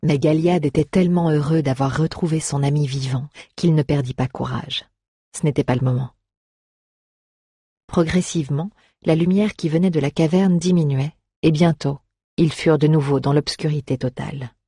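Audiobook narrator; husky, even, dry close mic. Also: medium pitch, no echo. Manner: even, measured storytelling. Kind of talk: scripted narration.

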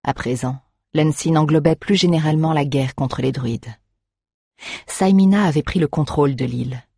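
A narrator reading a fantasy novel aloud in a measured, steady way, also voicing a calm, ironic druid. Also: medium pitch, creaky, slightly rough, dry recording, clean studio sound. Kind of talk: audiobook narration.

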